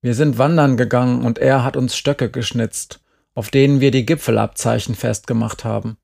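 A man reading an audiobook and voicing a blunt, bitter teenage girl who talks in a flat, cutting way. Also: mid-range voice, moderate pace, vocal fry. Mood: wistful.

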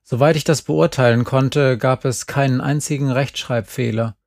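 A man reading an audiobook in calm, measured scripted narration into a close mic. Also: medium pitch, creaky, no room sound.

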